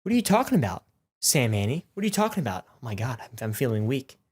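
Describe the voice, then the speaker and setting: A man's voice: medium pitch, big pitch swings, fast, darkish tone, breathy edge. A nineteen-year-old man reading viewer comments aloud in a casual vlog. He is goofy and self-mocking, swears, and often breaks into mock outrage. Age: late teens.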